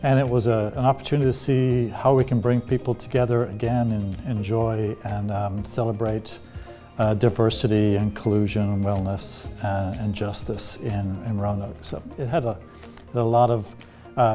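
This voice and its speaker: A middle-aged man from Ireland who is an artist in residence, speaking in an interview in a hesitant, halting way with many fillers. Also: mid-range voice, dark tone.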